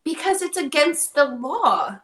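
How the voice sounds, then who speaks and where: A woman's voice: high-pitched, big pitch swings, a little slow, fairly bright tone. A young adult woman playing a tabletop role-playing game, trading casual banter in a playful, emphatic way.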